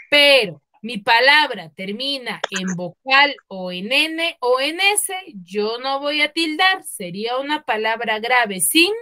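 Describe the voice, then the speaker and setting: A woman teacher with a Peruvian Spanish accent runs an online class over a video call. She speaks slowly and patiently in a high, bright voice. She keeps asking the class questions to check they follow.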